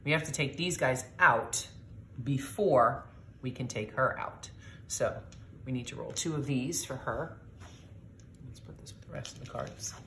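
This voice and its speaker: Hosting a relaxed board game session with her daughter, a middle-aged woman explains the rules out loud and lets out small exclamations as she chats to viewers. Her bass voice is unhurried, creaky, pushed and bright, and the sound is reverberant with slight background noise.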